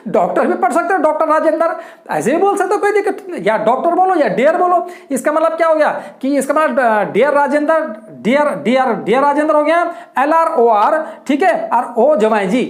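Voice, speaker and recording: A woman's voice: high-pitched, expressive, fast. A woman teacher explaining a lesson in a repetitive way, often calling her students children. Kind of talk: classroom-style lesson explanation. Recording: echoey room.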